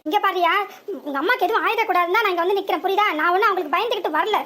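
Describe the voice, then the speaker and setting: A woman's voice: very high voice, very fast. Woman voicing a meek young village husband. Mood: defensive. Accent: southern Tamil. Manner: placating, pleading for quiet. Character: meek young village husband caught between wife and mother. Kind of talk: cartoon voice acting.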